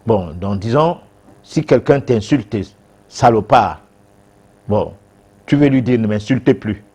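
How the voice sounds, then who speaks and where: A man's voice: mid-range voice, animated, a little slow, mellow. A man, a guest expert on a TV talk show answering viewers' questions, hesitant with many fillers and restarts.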